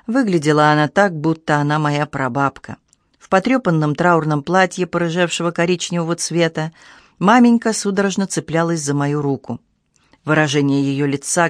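A woman's voice: on the low side, no echo. Woman reading a novel aloud, dry sound. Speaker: audiobook reader. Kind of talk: scripted narration.

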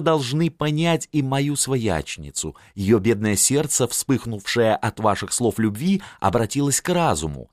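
Man doing a sly scheming count, silky and mocking, lively pitch. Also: no echo, studio quality. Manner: mocking, ingratiating. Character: sly scheming male count, smooth-tongued.

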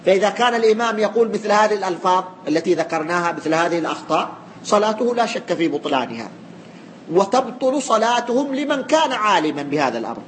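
Guy teaching a class, high voice, keeps repeating points and asking the students questions, faint hiss behind. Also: sing-song, fast talker. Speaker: teacher of religious law.

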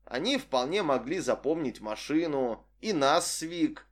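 A man narrating a first-person audiobook in a measured, wry storytelling manner. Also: on the high side, big pitch swings.

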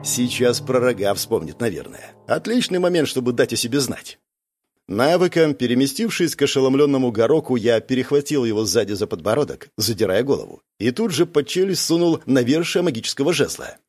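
A man narrates a first-person audiobook at a medium pitch. His delivery is calm yet expressive, with lively intonation that rises and falls widely. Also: brisk, soft background music.

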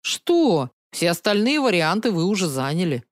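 Женщина изображает робкого юного маньяка. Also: female voice, fairly low pitch, very animated, normal speed, no room sound, studio quality. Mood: eager. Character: timid young male serial killer.

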